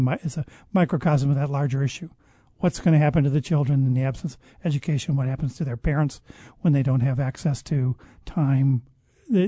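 A man speaking as a guest expert in a conversational interview, explaining at length in a measured way and often restarting his sentences. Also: medium pitch, dark tone, no echo. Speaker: guest expert on public health.

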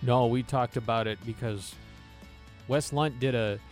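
Guy panelist on sports radio just chatting, normal pitch, bit of music behind. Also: steady tone, measured pace, a little mellow. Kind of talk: casual postgame chat.

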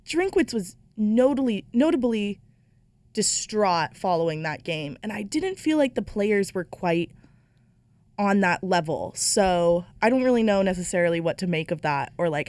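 A woman's voice: on the low side, lively intonation, normal speed, darkish tone, no echo. A young woman hosting a casual sports podcast, chatty and full of "like". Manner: chatty, many fillers like "like". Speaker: podcast host.

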